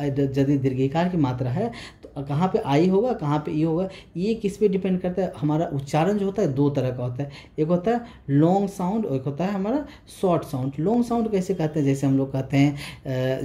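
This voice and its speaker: In a mellow, mid-range voice, a teacher patiently explains a lesson, repeating points and often checking in with the class by asking "right?" They hesitate a lot, using many fillers and restarting sentences.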